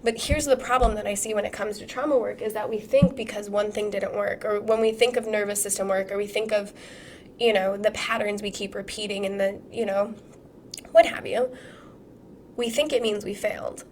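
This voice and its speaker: A young woman with a hoarse, sick-sounding voice leads a live-streamed masterclass as a healing coach. She talks casually and animatedly, swearing freely and firing off rhetorical questions. Her pitch sits at an ordinary middle height for a woman. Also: steady tone, moderate pace, slight background noise.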